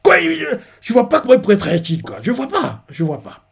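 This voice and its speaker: A man recapping and reacting to a manga chapter in a casual, excitable way, full of fillers. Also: very high voice, brisk, creaky, slightly rough. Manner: excitable, filler-heavy retelling.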